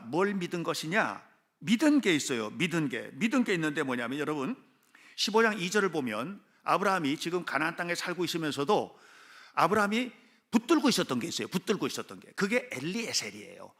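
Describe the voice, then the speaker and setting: Animated high-voiced male pastor preaching. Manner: animated preaching, addressing the congregation directly, rising to shouts. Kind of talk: sermon. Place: church sanctuary with a gathered congregation.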